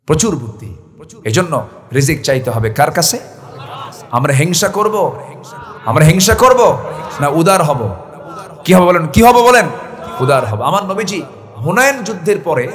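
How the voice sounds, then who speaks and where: Shouting Bangladeshi preacher, high voice. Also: male voice, expressive, normal speed, long pauses, in a large hall. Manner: call-and-response, shouting to the audience. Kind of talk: Bengali waz sermon to a crowd.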